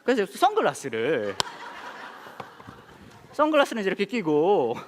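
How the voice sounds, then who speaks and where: A man's voice: high voice, wildly swooping pitch, moderate pace, background noise. A man in his thirties, a pastor, telling a funny personal story in a sermon, acting out the other people's voices and laughing often. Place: church hall. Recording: long hall reverb.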